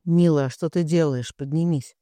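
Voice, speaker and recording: A man voicing an uncertain middle-aged mother who tries softly to calm her daughter. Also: on the high side, normal speed, no echo, clean studio sound, close to an everyday voice. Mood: coaxing. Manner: soft and coaxing.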